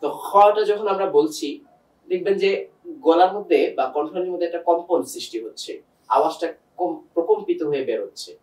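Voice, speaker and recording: A man gives a pronunciation lesson, stretching each sound and saying it again and again. His voice sits a bit high for a man. He is recorded from some distance in a room with a noticeable echo. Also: fairly quick, darkish tone. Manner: patient, repeats and drags out sounds to demonstrate. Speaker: teacher. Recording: echoey room, voice set back from the mic.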